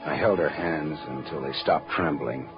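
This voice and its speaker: Philip Marlowe, deep-voiced hardboiled American detective. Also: male voice, moderate pace, music in the background. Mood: grave, matter-of-fact. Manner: terse, sardonic. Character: wry, hardboiled male private detective. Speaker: lead actor and narrator in radio detective drama. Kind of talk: 1940s radio acting, hardboiled narration. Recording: noisy, dull vintage radio recording.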